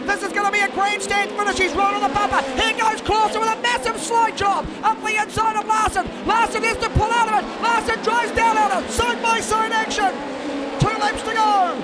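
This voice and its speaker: A man calling a race at a very high, strained pitch over loud crowd and engine noise, in full hype-announcer mode. He shouts excitedly and stretches out his calls to build the drama.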